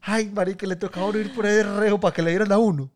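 A man's voice: high-pitched, very fast. Slangy Paisa man telling stories. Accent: Colombian Paisa. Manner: animated, slangy storyteller who swears freely. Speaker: podcast co-host. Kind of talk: casual chat.

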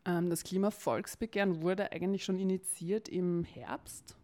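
Casting: young Viennese woman, interview guest, mellow low voice, chatty with lots of ums. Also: fairly even intonation, moderate pace. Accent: Viennese Austrian German. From Vienna, Austria. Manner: talkative, many fillers, occasional laughs. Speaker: interview guest, campaign spokesperson. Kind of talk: casual interview.

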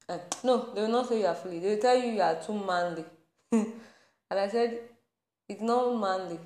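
Fired-up woman ranting in an echoey room. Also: lowish voice. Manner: animated, laughs between points, rising to anger. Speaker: podcast host. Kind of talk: impassioned faith-based rant. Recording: roomy echo.

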